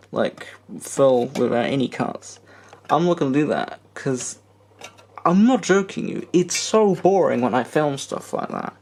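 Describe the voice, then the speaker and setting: A man with a gravelly, creaky voice, talking casually about his computer hardware. He hesitates often and lets his sentences trail off. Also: medium pitch, a little mellow. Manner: hesitant, lots of ums and trailing off. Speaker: tech vlogger. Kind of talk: casual chat while showing his computer.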